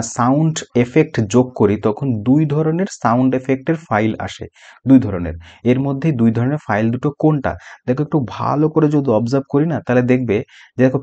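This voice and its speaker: A man's voice: mid-range voice, a little mellow, dull audio. A man teaching a casual exam-prep lesson, going through quiz answers and checking in with his students often. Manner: explains quiz answers with frequent checks like "okay?".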